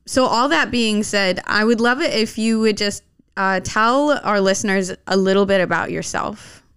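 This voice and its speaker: A woman hosting a podcast interview, speaking in a thoughtful, measured way with soft hedging fillers. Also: mid-range voice, clean tone, no room sound. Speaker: podcast host. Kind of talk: casual interview conversation.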